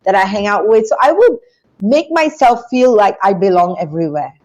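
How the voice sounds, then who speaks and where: A woman from Singapore, a guest in an interview, telling her story in an animated, chatty way with frequent restarts. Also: medium pitch, moderate pace, highs cut off. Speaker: interview guest, business school founder.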